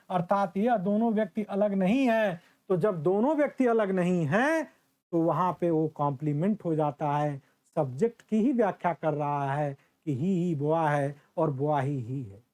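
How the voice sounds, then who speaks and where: Slow, patient male grammar teacher. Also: high-pitched, a little mellow. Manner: drawls English example sentences slowly, addresses students fondly as children. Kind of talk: classroom grammar lecture.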